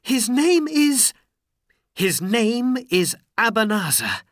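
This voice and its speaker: A frightened young princess with a high, pleading voice, as a male storyteller puts her on. She is read slowly from a storybook, each line rising and falling, and the recording is dry and close. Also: very animated, fairly bright tone, dry recording, exaggerated voice. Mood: distressed.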